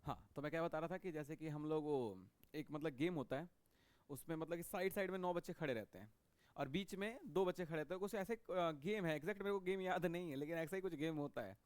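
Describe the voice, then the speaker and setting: A man's voice: fairly high pitch, a little fast, no echo. A man teaching a biology lecture in a classroom style. He repeats key points and keeps checking that students follow him. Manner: repetitive, checks understanding with frequent "okay".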